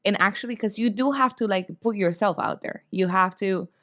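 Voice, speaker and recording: A woman podcast host, native Spanish speaker with a South American Spanish accent, talking quickly and laughing often. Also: medium pitch, a bit bright. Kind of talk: casual interview chat.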